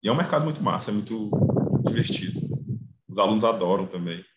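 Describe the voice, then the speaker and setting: A man from Northeast Brazil, an academic presenter, chatting on a video call in a relaxed, slangy, animated way. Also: lowish voice, fast talker, very noisy. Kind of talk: casual chat on a video call.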